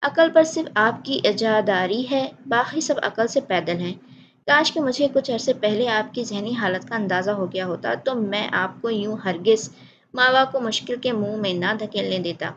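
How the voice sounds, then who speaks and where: A woman's voice: mid-range voice, noisy background, close to an everyday voice. Brief: woman reading as harsh, accusing grown man, blunt, lo-fi audio. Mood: stern. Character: angry grown man, cold and stern.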